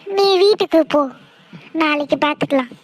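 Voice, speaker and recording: Woman doing a soft worried cartoon mom, gentle, squeaky high voice. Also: normal speed, a little hiss or hum, close to an everyday voice, low-quality recording. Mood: soothing. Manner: gentle, pleading. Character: kind worried middle-aged mother. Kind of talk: cartoon voice acting.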